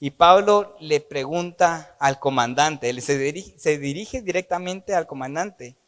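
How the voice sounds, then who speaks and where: A man preaches at a slow, measured pace, his voice sitting a little high. He brings the story to life by playing out the dialogue with humor. The sound rings with the long reverb of a church hall. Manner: animated, acts out dialogue with jokey asides. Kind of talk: sermon.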